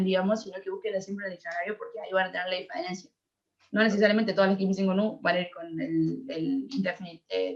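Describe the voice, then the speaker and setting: A young woman with an Argentine Spanish accent tutors an English grammar class in a mid-range, slightly bright voice. She explains patiently and checks that her students follow, and the lo-fi recording sounds dull.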